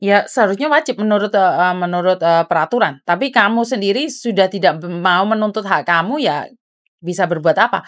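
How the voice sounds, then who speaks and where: A woman hosting a call-in advice show, calm and frank, calling her caller "dear". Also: mid-range voice, fairly quick.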